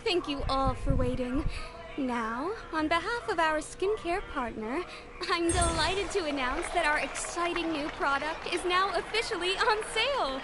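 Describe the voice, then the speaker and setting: An actress voicing a female store announcer who greets customers and launches a new product in an upbeat, polished sales-pitch manner. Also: expressive, unhurried, heavy background noise. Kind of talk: supermarket-style announcement to customers.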